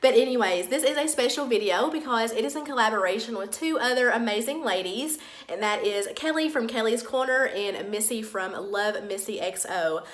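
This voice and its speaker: A woman's voice: on the high side, expressive, normal speed. A woman hosting her cooking channel, talking in a friendly, chatty way from an empty room that makes her voice echo. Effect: echoey empty-room sound. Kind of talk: casual vlog intro.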